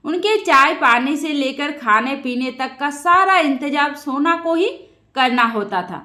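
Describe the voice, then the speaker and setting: A woman storyteller narrating a family drama in a steady, sympathetic way. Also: high-pitched, measured pace, echoey room. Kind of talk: scripted narration.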